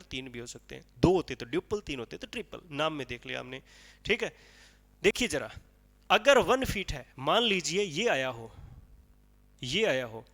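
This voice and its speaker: A man's voice: fairly high pitch, fairly bright tone, long reverb tail. A male teacher giving a classroom lecture on poetic meter, explaining step by step with repeated rhetorical questions and counting aloud.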